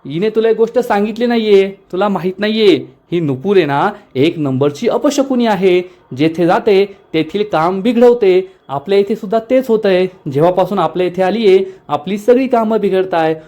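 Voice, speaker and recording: A man's voice: sits high, normal speed, hardly any pauses, warm tone, dull audio, lightly acted. Man reading as a furious scornful woman boss. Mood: angry scolding. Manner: angry, scolding, taunting.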